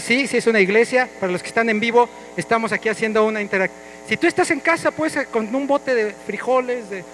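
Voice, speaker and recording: A man, a pastor leading an energetic, playful interactive sermon with his congregation in a church. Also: very high voice, a little hiss or hum, poor audio. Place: church hall.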